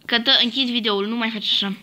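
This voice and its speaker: A woman's voice: fairly high pitch, steady tone, heavy background noise. A young woman hosting a casual Minecraft let's-play, bossy and teasing toward her friend. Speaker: host.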